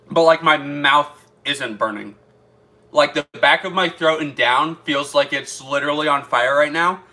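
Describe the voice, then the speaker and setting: A man's voice: on the high side, sharp tone. A man chatting through a casual taste-test vlog, thinking aloud as he eats. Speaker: food reviewer.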